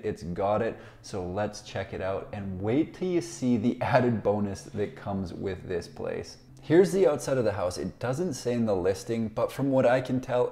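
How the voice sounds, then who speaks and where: A man's voice: on the low side, mellow. A man in his thirties giving casual, upbeat commentary on a home tour, recorded in a home office. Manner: upbeat, enthusiastic, easygoing. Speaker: real estate video host.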